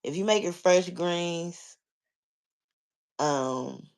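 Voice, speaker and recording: An American vlogger talks in a loose, conversational way, as if chatting with listeners. The speech explains things step by step in a casual register, circling back and padding phrases with "like" and "you know." The pitch sits in a middle range between typical male and female voices. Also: drawn-out words, smooth. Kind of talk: casual chat, answering listeners.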